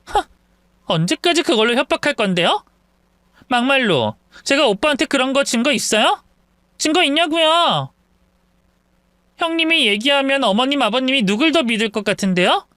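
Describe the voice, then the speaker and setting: A man's voice: extremely high pitch, animated, normal speed, fairly bright tone, clean tone, no room sound, clean studio sound, pitched above the performer's own voice. A man voicing a spiteful, scheming young sister-in-law in a story read-aloud, sneering and mock-sweet. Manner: sneering, mock-sweet, whiny when feigning tears.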